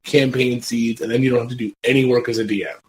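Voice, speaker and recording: A man's voice: medium pitch, steady tone, fast, poor audio. A man in his late thirties co-hosting a casual gaming podcast. He talks in a blunt, matter-of-fact way. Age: late 30s. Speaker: podcast co-host. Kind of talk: casual chat.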